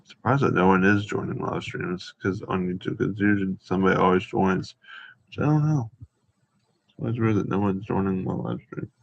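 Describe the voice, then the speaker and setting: This male host has a low, creaky voice and talks a little fast on a casual, unscripted livestream. He hesitates, rambles and repeats himself, and the audio is dull and roomy.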